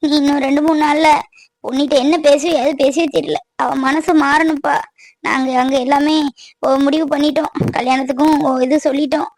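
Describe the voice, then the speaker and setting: A woman's voice: high voice, flat delivery, fairly quick, a little mellow, no room sound. A woman voicing an anxious middle-aged village mother, earnestly pleading with her nephew in a cartoon. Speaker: voice actor. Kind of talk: cartoon voice acting.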